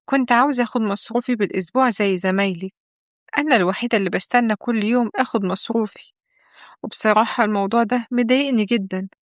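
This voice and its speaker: A woman's voice: on the high side, fast talker, dry recording, clean studio sound, close to an everyday voice. A woman with an Egyptian accent voicing a timid young girl pleading with her older sister, in a told story. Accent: Egyptian Arabic.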